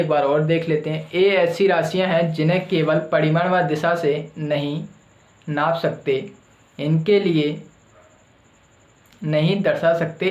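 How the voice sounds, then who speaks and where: A man's voice: fairly high pitch, a little mellow, roomy sound, poor audio. A male teacher giving a classroom lecture who asks his own questions and answers them, repeating the key terms.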